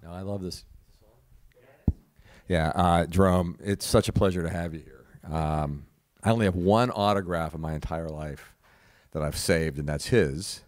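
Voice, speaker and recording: A man from Pittsburgh asking a guest speaker a question from the audience, halting and full of fillers. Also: sits low, a little mellow, no room sound, clean studio sound. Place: event audience.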